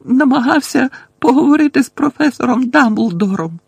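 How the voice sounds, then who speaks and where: A man reading an audiobook voices a desperate teenage schoolgirl who pleads in a high, shrill, cracked voice. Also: lively intonation, moderate pace, creaky, slightly rough, no echo, heavily acted. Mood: sobbing.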